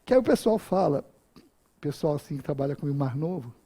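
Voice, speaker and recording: A man's voice: on the high side, lively intonation, fairly quick, mellow. A man in his fifties giving a casual, humorous talk full of personal stories at a spiritist center. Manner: humorous storytelling, acts out his own moves.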